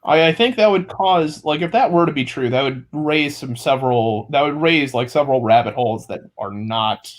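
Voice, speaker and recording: A man's voice: mid-range voice, normal speed, few pauses. A man in a casual online panel chat, speaking hesitantly with many fillers. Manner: hesitant, full of "like" and "um". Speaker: debate panelist.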